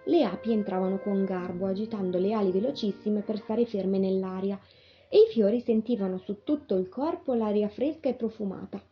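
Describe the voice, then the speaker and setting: A woman reading a children's storybook aloud on the radio, with gentle, expressive narration. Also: mid-range voice, a little fast. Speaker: reader. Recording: dull lo-fi radio broadcast with faint music.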